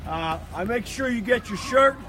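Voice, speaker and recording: High-voiced joking man announcing over outdoor noise. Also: animated, normal speed, bright, forceful tone. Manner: joking, folksy. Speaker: event organizer and announcer. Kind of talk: informal outdoor event announcing. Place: outdoors by a river at a charity event. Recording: noisy outdoor live stream.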